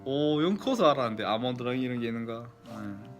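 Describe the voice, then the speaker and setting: A man's voice: medium pitch, expressive, brisk, faint music behind. A man from Yanbian in China with a Yanbian Korean accent, chatting casually and politely to viewers as he reminisces. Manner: chatty, polite formal endings. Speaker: vlogger. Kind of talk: casual nostalgic storytelling to viewers.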